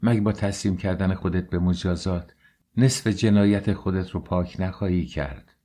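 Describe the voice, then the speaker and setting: A man voicing a gentle young woman who pleads softly with her brother. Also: sits low. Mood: pleading.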